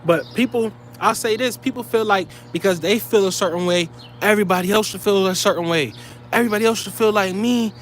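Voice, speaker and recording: A man's voice: high voice, brisk, slight background noise. A man delivering heated, profane commentary straight to his viewers, blunt and scolding.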